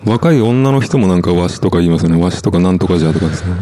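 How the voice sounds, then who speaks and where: A man's voice: sits low, lively intonation, very fast, warm tone. A man hosting a casual chat show, talking politely and keeping track of the time. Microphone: studio microphone.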